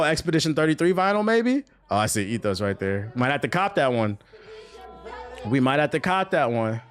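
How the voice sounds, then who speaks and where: A young man streams gaming news, his voice swinging from low mutters to sharp, high jeers. He talks loose and profane, roasting gamers as he reads the headlines. His pitch sits in the middle for a man, with plenty of movement. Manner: animated, profane, mocking banter. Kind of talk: casual live-stream commentary.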